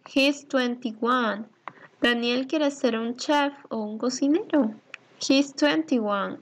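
A woman teaching children in a recorded English lesson, with a slightly high voice and an unhurried pace. She reads each English line and then translates it, and patiently asks questions that she answers herself.

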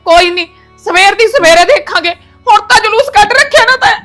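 A woman's voice: very high voice, animated, brisk, bright, forceful tone, soft background music, heavily acted. An actress playing a fed-up village wife in a comedy web series, nagging and scolding her drunk husband. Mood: furious.

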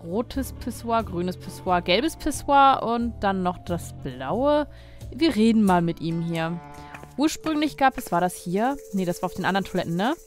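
A woman's voice: medium pitch, lively intonation, moderate pace, soft background music. A woman let's player giving casual commentary, thinking aloud as she plays. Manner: thinks aloud, reads item names out.

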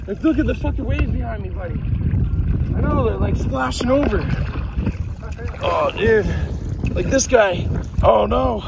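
A man vlogging from a kayak on a rough river, excited and swearing a lot as the waves hit. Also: sits high. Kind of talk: casual swearing chat. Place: outdoors on a windy river in a kayak. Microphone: action camera mounted on kayak. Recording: windy outdoor action-camera audio. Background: wind and rushing water.

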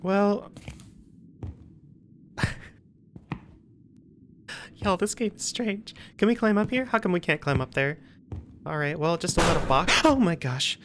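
A woman's voice: lowish voice, animated, moderate pace, pauses often, background noise. A woman streaming a horror game, chatting and joking playfully to herself as she plays. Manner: playful, jokey, talks to herself while playing. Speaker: gameplay streamer.

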